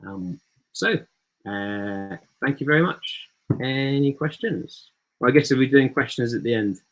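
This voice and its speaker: A startup founder giving a slide presentation in an easygoing way, with many ums and uhs, over a video call. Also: male voice, mid-range voice, measured pace, poor audio. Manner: relaxed, filler-heavy delivery.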